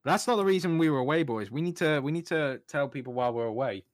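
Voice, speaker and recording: A man's voice: on the high side, lively intonation, fast talker, no echo, studio quality. A young man hosting a podcast, bantering casually in a jokey, teasing way with his co-hosts. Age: young adult. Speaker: podcast host.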